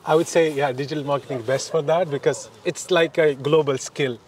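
Man in his thirties, friendly street interviewer, slightly high voice, outdoor park with faint background sound. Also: steady tone, a little fast, a little mellow, a little hiss or hum. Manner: friendly, conversational questions. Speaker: host, interviewer. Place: outdoors in a large open park.

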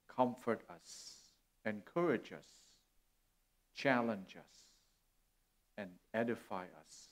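Middle-aged man, measured guest sermon, mid pitch. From Vietnam. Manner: earnest, warm, gesturing as he preaches. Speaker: guest preacher. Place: church stage indoors.

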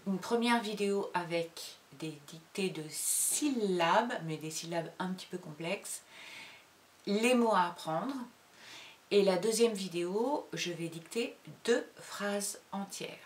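Slow, patient teacher giving a dictation. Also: female voice, medium pitch, reverberant, recorded from a distance. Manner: slow, patient, stresses each syllable loudly. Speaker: primary school teacher.

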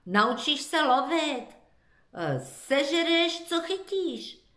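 A woman voicing a sly, brash forest fox who speaks in a high, loud, matter-of-fact way, in an echoey room. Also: animated.

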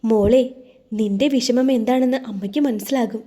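A woman's voice: on the high side, fairly even intonation, normal speed, warm tone, close to an everyday voice. A woman voicing a caring middle-aged mother who comforts her daughter-in-law with earnest, soothing pleading in an audio story. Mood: tender, firm.

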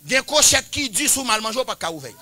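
Fiery high-voiced preacher in his forties. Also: sing-song, fast. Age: 40s. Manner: impassioned, chanting and shouting at peaks. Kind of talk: Pentecostal-style sermon.

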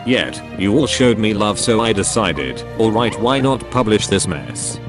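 Male text-to-speech voice, somewhat low, flat robotic delivery over steady background music. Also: unhurried. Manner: flat, evenly paced computer reading. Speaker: YouTuber giving a channel update. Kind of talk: text-to-speech channel update.

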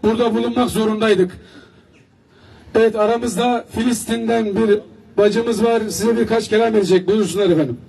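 A hoarse middle-aged man presenting at a rally, addressing the crowd. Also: sits high, steady tone, normal speed, slight background noise. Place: outdoor square, stage with PA. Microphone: handheld mic, filmed by far camera. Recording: distant mic, outdoor loudspeaker sound.

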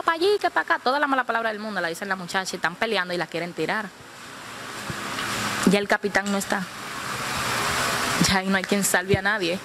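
A woman telling her own story as a survivor, vivid and animated, acting out the voices of the people she describes. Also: medium pitch, background noise. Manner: vivid, acts out the voices of others. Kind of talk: emotional first-person storytelling.

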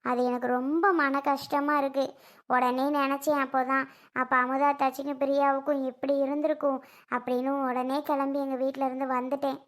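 A woman's voice: high-pitched, little pitch movement, brisk, lightly acted. A woman voicing a tearful, apologetic young married woman. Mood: pleading. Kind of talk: family skit acting.

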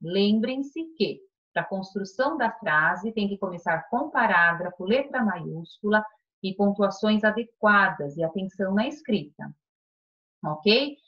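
A young Brazilian woman teaches an online class in a lively, sing-song voice that swoops up and down. She draws out each key word as she walks through the answers. The recording is dull and lo-fi. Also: mid-range voice, a little slow. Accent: Brazilian Portuguese. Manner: cheerful, sing-song, stretches key words.

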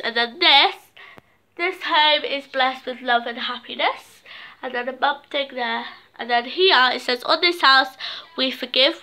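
A woman's voice: high voice, sharp tone. A woman giving a casual walk-through of her home, chatting and listing things as she goes, recorded on a handheld phone indoors. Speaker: vlogger giving a house tour. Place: inside a home, moving between rooms. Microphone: handheld phone camera.

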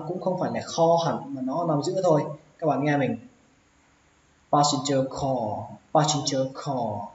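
Slow, patient Hanoi-accented man teaching. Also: on the high side, a little hiss or hum. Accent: Hanoi Vietnamese. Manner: patient, repeats each word several times. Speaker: English teacher, channel host. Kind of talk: vocabulary lesson. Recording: roomy, dull lo-fi sound.

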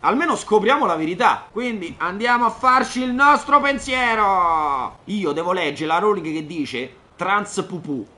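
A man hosting a casual livestream, joking and bursting into mock shouting. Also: high-pitched, lively intonation, measured pace, hardly any pauses. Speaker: livestream host.

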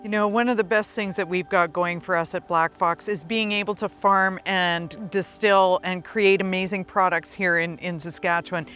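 A woman who runs a distillery speaks proudly and upbeat about local products. Faint music runs underneath her mid-pitched voice. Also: fairly bright tone. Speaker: distillery owner. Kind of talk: documentary interview.

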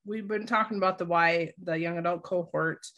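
A woman's voice: on the low side, fairly even intonation, normal speed, a bit bright, lo-fi sound. A woman with a stuffy, nasal voice from a cold, hosting a casual church Bible study and leading prayer. She talks cheerfully and laughs easily.

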